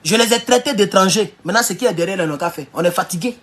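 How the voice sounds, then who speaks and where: A man giving a heated political monologue, hammering rhetorical questions and sometimes shouting. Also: sits high, quick pace. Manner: emphatic, repeats rhetorical questions, bursts into shouting. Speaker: political commentator.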